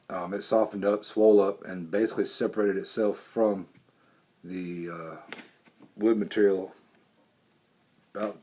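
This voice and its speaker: A man's voice: fairly low pitch, darkish tone, slightly rough. A man rambling folksily through a casual bushcraft workshop vlog. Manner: rambling, folksy, self-correcting. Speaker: bushcraft vlogger.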